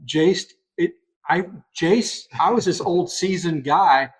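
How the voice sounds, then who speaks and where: A middle-aged man in casual conversation, recounting a hunt with growing excitement. His voice sits a little high for a man. He speaks as an animated, excitable storyteller. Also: slow pace. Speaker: podcast host.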